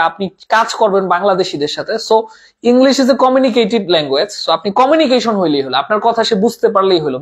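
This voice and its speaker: A man's voice: sits high, fairly bright tone, breathy edge. A man teaching a live online class, repeating terms, asking and answering his own questions, and mixing English words into his talk. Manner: reads out viewer comments.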